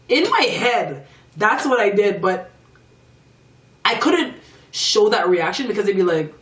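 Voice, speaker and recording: A woman's voice: medium pitch, far from the mic, a little hiss or hum. A young woman vlogger telling a casual storytime, acting out other people's voices and swearing freely. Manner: animated, acts out the other voices, curses freely. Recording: echoey room, voice a bit off-mic.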